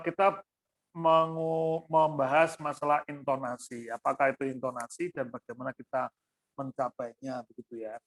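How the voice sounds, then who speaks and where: A man's voice: fairly high pitch, a bit bright. A man, a choir coach, chatting loosely through a lesson on intonation and singing short note examples.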